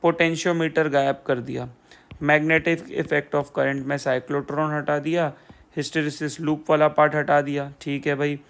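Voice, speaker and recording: Sarcastic young man with gravelly voice. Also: on the high side, flat delivery, measured pace, a bit bright. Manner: sarcastic, repeats "theek hai bhai" and "poora poora". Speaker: exam prep educator. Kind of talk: casual explainer video.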